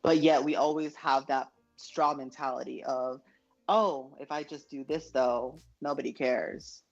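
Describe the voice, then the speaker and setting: An earnest guest poet from the United States chats in a casual interview, often pausing on fillers and restarting phrases. The sound is dull and lo-fi, with faint music underneath. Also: medium pitch, steady tone, vocal fry.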